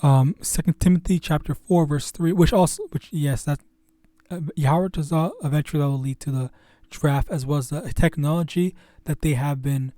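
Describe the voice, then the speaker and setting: A man with a fairly high but dark, mellow voice teaches scripture casually on his own channel. He stumbles and stutters, circling back with "um" and "you know" as he talks. The sound is dry and close. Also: no room sound. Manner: halting and stuttering, heavy with fillers. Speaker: host of a religious teaching channel.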